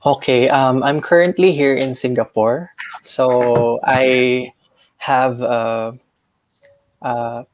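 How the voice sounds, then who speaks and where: A man's voice: medium pitch, steady tone, highs cut off, slight background noise. A man from the Philippines with a Filipino accent, answering interview questions in a hesitant way. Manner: hesitant, many uh pauses. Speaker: nurse guest.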